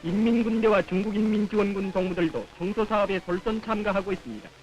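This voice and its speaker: A male narrator with a North Korean accent and a notably high voice delivers a 1950s propaganda newsreel script. His delivery is solemn and declamatory, as heard on an old film soundtrack. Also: quick pace, highs cut off, over music.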